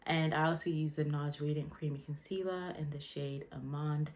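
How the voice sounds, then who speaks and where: A young woman chatting casually through a makeup tutorial, relaxed and loose, with lots of fillers. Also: low-pitched, moderate pace. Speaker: beauty vlogger.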